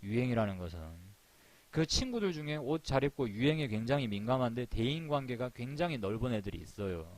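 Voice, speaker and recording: A middle-aged man giving a live-streamed stock market lecture, lively and talkative, acting out little scenes as he explains. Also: mid-range voice. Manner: animated, acts out little scenes in put-on voices.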